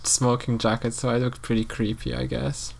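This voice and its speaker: A man's voice: medium pitch, flat delivery, normal speed, creaky, darkish tone. Man w/ eastern european accent just chatting, laughs a lot, keeps restarting his sentences. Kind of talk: casual chat.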